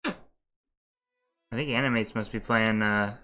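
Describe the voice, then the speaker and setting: A woman's voice: very deep voice, fairly even intonation, slow, a bit bright, faint music behind. A woman streamer reading a game aloud with a friend, chatty and jokey. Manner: chatty, jokey, trails off mid-sentence.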